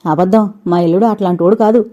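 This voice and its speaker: A woman's voice: medium pitch, steady tone, fast, warm tone, dull audio, lightly acted. A woman voicing a greedy, scornful older village man who talks in a harsh rustic dialect.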